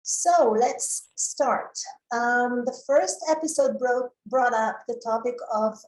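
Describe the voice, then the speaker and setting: Woman from Israel, moderator, measured, fairly high voice, echoey room. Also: a little mellow. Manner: measured, reads questions aloud. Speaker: panel moderator. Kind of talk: moderating a panel discussion. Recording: roomy echo.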